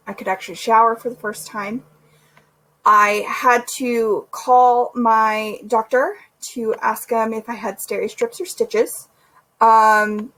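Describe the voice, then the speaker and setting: A young woman talks casually to her camera, filling her sentences with "um" and restarting them often. She sounds sore and a touch out of breath as she chats, her voice sitting at an ordinary middle pitch. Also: a bit bright, poor audio. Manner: chatty, many fillers and restarts. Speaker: vlogger. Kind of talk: casual recovery vlog chat.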